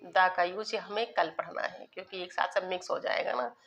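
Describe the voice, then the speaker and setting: A woman's voice: fairly low pitch, brisk, creaky, fairly bright tone. A woman teacher giving a grammar lesson, repeating key words and asking her students questions that she then answers herself. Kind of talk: classroom grammar lesson in Hindi, with English terms.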